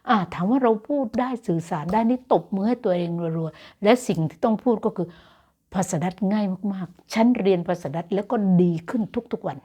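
A woman's voice: medium pitch, a little fast, dark tone, husky. A Thai woman teaching Dutch grammar in a casual online lesson, explaining patiently and encouraging her students. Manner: encouraging and motivational.

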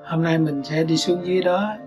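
A man with a fairly high, steady voice and a Southern Vietnamese accent hosts a fishing vlog, talking a little fast in a slightly mellow tone over soft background music. He chats casually, speaks to viewers directly and often, and explains things simply, one step at a time.

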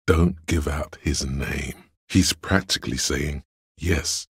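Logic, a gravelly, bottomless inner voice. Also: male voice, dry recording, full character voice. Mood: dry, deductive. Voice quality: very deep, gravelly, husky. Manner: measured, deadpan, dry and matter-of-fact. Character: cold, analytical, condescending male inner voice of logic. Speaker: video game voice actor. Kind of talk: scripted second-person inner-voice narration.

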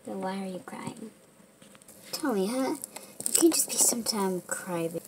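A woman's voice: mid-range voice, normal speed, lightly acted. A woman voicing a bossy, fussy mother who scolds her teenage daughter in a homemade toy figure film. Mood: scolding. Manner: scolding, nagging, self-important. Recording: home recording with steady background noise.

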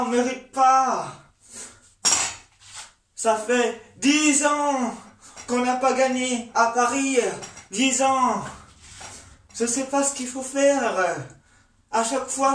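A man's voice: extremely high pitch, a bit bright, far from the mic. A man ranting with angry, repetitive venting and swearing in a fed-up football rant. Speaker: vlogger. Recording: echoey room, voice from afar.

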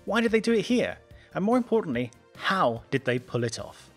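Male documentary narrator, higher voice, brisk and wry, light music bed. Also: sing-song. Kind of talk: scripted documentary voice-over.

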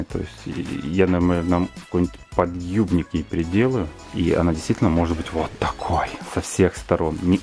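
A man's voice: deep voice, darkish tone. A man giving casual unboxing commentary as a doll reviewer, with murmured asides as he examines things.

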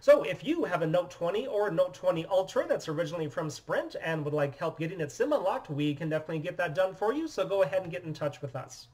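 Male demo host, 30s, slightly raised pitch, steady explainer tone, small office room. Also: fast, hardly any pauses, husky, poor audio. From United States. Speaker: phone repair business owner. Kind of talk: scripted product demonstration.

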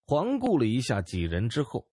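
A male audiobook narrator reads a script with expressive storytelling. His pitch is medium and his pace moderate, and the recording is dry and studio quality.

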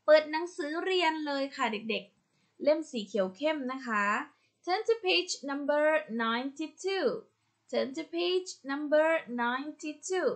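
Slow, high-voiced woman teaching young kids. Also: animated. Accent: Thai. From Thailand. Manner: patient and encouraging, repeats each word several times for pupils to copy. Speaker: primary school English teacher. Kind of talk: slow, clear online lesson for young children.

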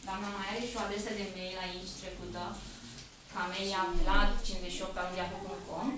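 A woman's voice: mid-range voice, little pitch movement. A woman in her thirties hosting a live raffle draw at a clinic, introducing guests and coaxing a small child to pick the winner, in a cheerful, upbeat way. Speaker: event host. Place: large clinic lobby indoors. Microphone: handheld mic filmed by a far camera. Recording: echoey room from far off, noisy.

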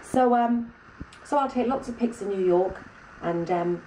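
A woman's voice: medium pitch, a little slow, warm tone, echoey room, far from the mic, a little hiss or hum, rough recording. A woman with an English accent giving a breezy, chatty catch-up to camera, full of ums. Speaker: vlogger giving a personal catch-up. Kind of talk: casual chat to camera.

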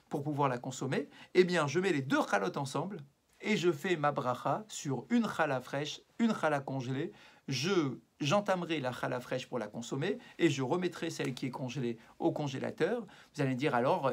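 A man giving an evening religious lesson as a rabbi, explaining patiently and mixing Hebrew passages into his talk with frequent hesitations. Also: fairly high pitch. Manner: explanatory, weaves Hebrew passages into French, frequent "euh" and "d'accord".

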